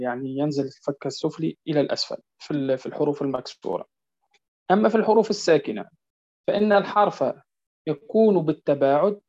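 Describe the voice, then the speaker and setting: A man teaching a Quran recitation lesson, repeating each point and often asking whether it is clear. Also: fairly high pitch, a little mellow. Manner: drills words slowly, stretching them out. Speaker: tajweed teacher. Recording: dull lo-fi recording.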